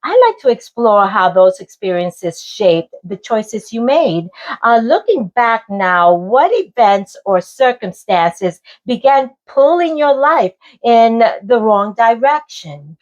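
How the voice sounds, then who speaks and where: A woman hosting an interview show, asking measured questions with frequent ums. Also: a little high, animated, muffled recording. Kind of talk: hosted interview.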